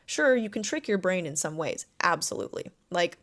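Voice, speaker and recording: A young adult woman hosting a self-help podcast, talking in a relaxed, conversational and reassuring way. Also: on the low side, normal speed. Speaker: podcast host and anxiety coach.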